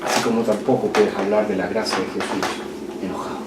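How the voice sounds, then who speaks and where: A man with a Chilean Spanish accent preaching a sermon as pastor, swinging from loud passionate peaks to hushed, quiet lines. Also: fairly low pitch, flat delivery, brisk. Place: church hall. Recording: echoey church hall, distant mic, noisy.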